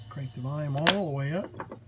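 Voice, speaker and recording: A man giving an unscripted hands-on demonstration in a small workshop, in a halting, deliberate manner. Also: fairly high pitch. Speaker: demonstrator of a vintage wire recorder. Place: small cluttered indoor workshop. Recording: noisy, with steady electrical hum.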